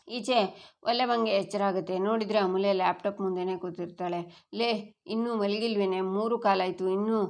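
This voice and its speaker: A woman, retelling a TV serial episode and reading every character's lines in her own plain voice. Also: mid-range voice. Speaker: narrator.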